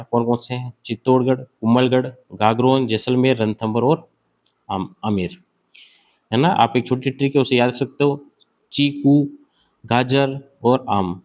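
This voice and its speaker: A man's voice: mid-range voice, a little mellow. Male teacher, exam-prep lecture, asks then answers himself, draws on a board, slightly muffled lo-fi sound. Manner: sketches on a board while explaining.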